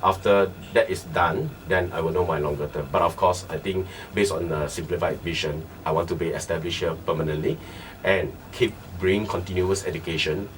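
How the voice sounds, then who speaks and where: Deep-voiced Singaporean-raised businessman guest. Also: a little fast, hardly any pauses. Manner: animated, acts out dialogue in quotes. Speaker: training centre founder, guest. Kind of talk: radio interview. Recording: distant mic with faint background noise.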